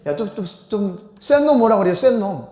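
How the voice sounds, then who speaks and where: A man's voice: high voice, very animated, normal speed, a little mellow. A male pastor voicing a mocking evil spirit that taunts an exorcist, in an echoey church. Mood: taunting. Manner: sneering, taunting. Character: taunting mocking demon, later begging.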